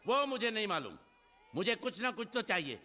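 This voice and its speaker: An actor playing a stern, scheming rich merchant who barks orders gruffly in a film comedy. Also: male voice, high-pitched, very animated, a little fast, sharp tone, a faint crowd, full character voice. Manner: gruff and commanding. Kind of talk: Hindi film comedy dialogue.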